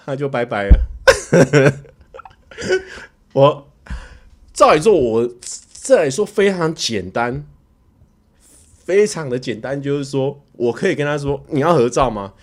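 A man with a Taiwanese Mandarin accent telling a story casually on a livestream, animated and stammering through repeated words as he acts it out. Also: medium pitch, a little slow, pauses often. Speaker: livestreamer and YouTuber.

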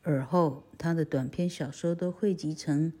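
A woman's voice: low-pitched, fairly even intonation, moderate pace, warm tone. A woman teacher with a Taiwanese Mandarin accent giving a chatty lesson on a picture book, peppering her talk with little fillers. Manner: chatty, frequent filler "ha", self-correcting; spells out words letter by letter.

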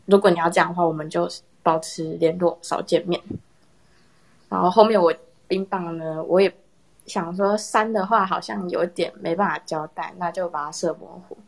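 A young woman casually telling a personal story in a chat with friends, animated and laughing often. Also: lowish voice, gravelly. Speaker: storyteller in a horror story contest.

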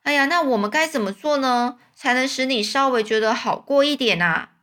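A woman's voice: high voice, fairly quick, fairly bright tone. A woman doing an eager, kindly trusting man. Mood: sympathetic. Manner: eager, sympathetic. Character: kind trusting man on the raft.

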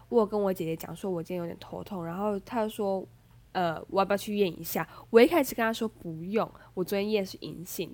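A young woman with a Taiwanese Mandarin accent hosts a casual podcast, her voice stuffed up from a blocked nose. She retells events in a chatty, animated way, full of fillers and quick asides, at a mid pitch typical for a woman. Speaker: podcast host. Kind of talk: casual storytelling monologue.

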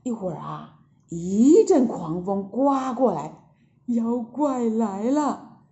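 Female storyteller for children, slow and animated, echoey lo-fi recording. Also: fairly high pitch. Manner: lively, drawn-out storytelling.

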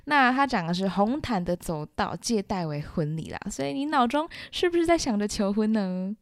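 A woman, teaching English through song lyrics in a playful, lively way, laughing often. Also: medium pitch, normal speed.

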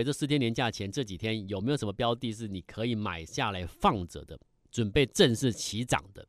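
A man's voice: lowish voice, no echo, studio quality. A middle-aged man giving broadcast stock market commentary, emphatic and full of rhetorical questions.

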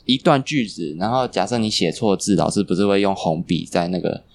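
A young man tells stories in a low voice. His pitch swings widely as he laughs and swears his way through a casual chat. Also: brisk, vocal fry. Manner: animated storytelling, laughs often, swears casually. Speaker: podcast guest. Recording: poor quality recording.

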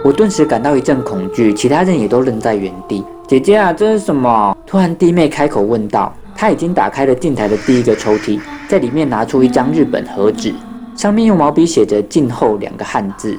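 Lively ghost story narrator. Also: medium pitch, brisk, over music. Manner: acts out children's voices in dialogue.

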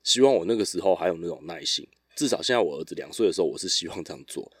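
A man hosting a casual solo podcast, telling stories in a relaxed, rambling way with frequent restarts. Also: low-pitched, racing, slightly rough, no room sound, clean studio sound. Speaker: podcast host.

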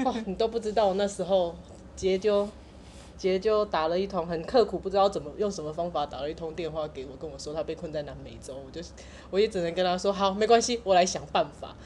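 A woman co-hosts a relaxed chat among sisters. She tells her story animatedly and laughs often, over a faint layer of background noise. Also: lowish voice, fast. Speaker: podcast co-host.

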